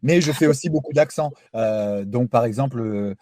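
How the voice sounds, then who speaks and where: A man from France speaks in a warm, mellow voice, talkative and animated as he describes his work as a voice actor. The sound is close and dry, like a studio radio interview. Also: mid-range voice, normal speed, dry recording. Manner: animated, talkative, explains with examples. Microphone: studio microphone.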